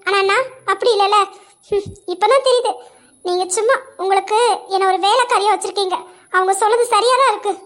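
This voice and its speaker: A woman's voice: very high voice, a bit bright. A woman voicing Asha, a torn young village woman who stammers and pleads in an amateur audio drama. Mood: hurt.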